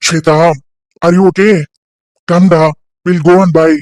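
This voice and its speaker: A woman voicing a gentle middle-aged father in a cartoon story, coaxing and reassuring in a calm, steady way. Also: fairly low pitch, extremely slow, no echo, pitched below the performer's own voice. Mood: soothing. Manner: coaxing, reassuring, mixes English into Tamil.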